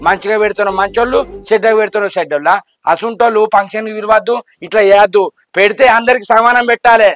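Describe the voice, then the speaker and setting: A man's voice: high voice, steady tone, racing, a bit bright. A man, grumbling and scolding in a village comedy sketch. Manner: grumbling, scolding, repeats his complaints. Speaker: comic actor.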